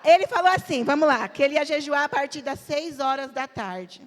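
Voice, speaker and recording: A woman's voice: sits high, lively intonation, fairly quick. A woman pastor, preaching an emphatic sermon and telling stories with acted quotes. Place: church hall. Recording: reverberant church hall.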